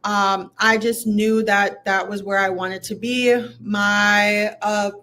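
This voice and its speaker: A woman's voice: medium pitch, flat delivery, slow, sharp tone. A young woman from Minnesota, a guest talking women's basketball in a casual interview, with lots of "um" and "like". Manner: chatty, many fillers like "um" and "like".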